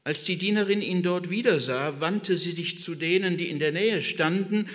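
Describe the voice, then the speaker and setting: A man's voice: high-pitched, moderate pace, fairly bright tone. A man preaching a sermon, reading scripture and retelling it with dramatic emphasis. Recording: reverberant hall.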